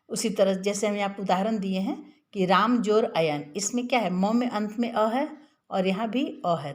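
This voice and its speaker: Patient woman teaching grammar. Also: mid-range voice. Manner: patient, drawn-out demonstration of vowel sounds. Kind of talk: classroom lesson explaining grammar.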